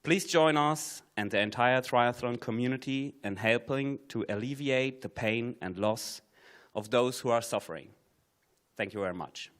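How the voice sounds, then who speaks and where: A man delivering a formal, prepared podium speech to a room in a solemn, measured manner. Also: medium pitch, a bit bright. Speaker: guest speaker from a sports organisation. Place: live at the front of a press conference room.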